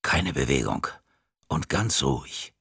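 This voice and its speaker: A man reading an audiobook, voicing a stocky, middle-aged male henchman who speaks tersely and quietly. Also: on the low side, brisk, creaky, no echo, studio quality, voice pushed up, exaggerated voice.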